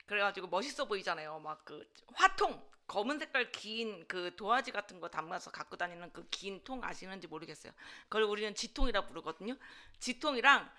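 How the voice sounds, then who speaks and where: Woman preacher, higher voice, bright and forceful, lively storytelling sermon, self-mocking. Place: church.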